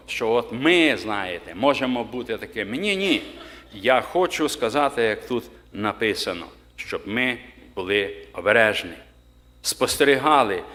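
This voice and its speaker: A man preaching a sermon to his congregation, emphatic, slowing down to read scripture aloud. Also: medium pitch, a bit bright. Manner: emphatic, rising on key words, slows to read scripture. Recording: long reverb of a church hall.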